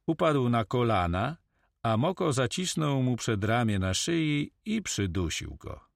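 A man narrating an adventure audiobook in a measured, expressive way on a close mic. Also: lowish voice, dry recording.

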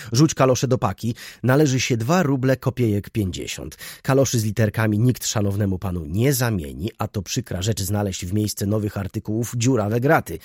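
A man voicing a young, dandyish male shop clerk who talks in quick, fawning sales patter. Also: on the low side, darkish tone, husky, no echo, clean studio sound. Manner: rapid, ingratiating patter.

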